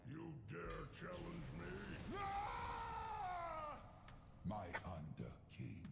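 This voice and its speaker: An unhinged, menacing villain from a fantasy video game. The voice is very gravelly and swings theatrically between threats and taunts, with loud music playing over it. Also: male voice, fairly high pitch, wildly swooping pitch, extremely slow, full character voice. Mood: defiant, enraged.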